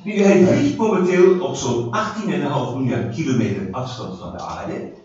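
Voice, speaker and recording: A man preaching to a small group, his lively voice rising and falling as he restarts his sentences and asks questions. He is heard from across an echoey hall on a distant, dull-sounding mic with a faint hiss behind him. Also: medium pitch, normal speed. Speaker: preacher leading a Bible study. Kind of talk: informal Bible teaching with questions to the group.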